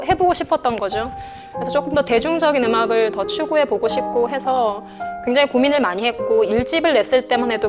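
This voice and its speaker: A woman in her thirties speaks earnestly and candidly about her life as a singer, laughing now and then. Her voice sits a little high. Soft instrumental music plays clearly beneath her. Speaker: CCM singer and classical vocalist, interviewee. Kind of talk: reflective interview answers. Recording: music bed under the voice.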